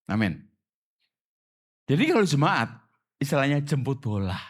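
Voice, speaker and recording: Man, pastor, lively sermon voice, swooping pitch, asks the crowd questions. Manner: animated, prompts the reader and congregation with quick questions. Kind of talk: conversational sermon. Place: church service.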